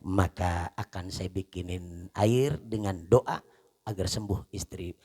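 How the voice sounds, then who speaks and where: A man voicing a calm, dignified older male village cleric who speaks slowly and softly. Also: slightly rough, exaggerated voice. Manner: slow, soft, deep measured speech.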